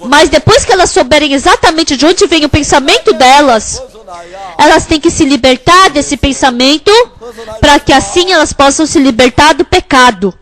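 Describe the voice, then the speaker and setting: A woman's voice: high-pitched, moderate pace, fairly bright tone. A woman interpreting a pastor's sermon, preaching emphatically with a repetitive cadence.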